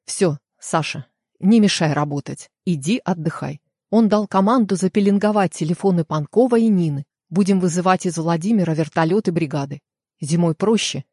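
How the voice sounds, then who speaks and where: A woman's voice: fairly low pitch, moderate pace, dark tone, breathy edge, no room sound, studio quality. A woman voicing a brusque male police investigator in an audiobook, curt and dismissive.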